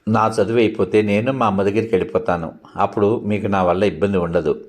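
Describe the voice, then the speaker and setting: A man's voice: fairly low pitch, fairly even intonation, fast, lightly acted. A man voicing a teenage girl who pleads in a trembling, tearful voice, in a read-aloud novel. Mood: quiet. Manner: trembling, sobbing pleas.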